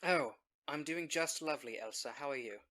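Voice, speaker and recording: A man's voice: a little high, a little fast, pushed and bright. A man playing a tabletop role-playing game, chatting casually and speaking in character.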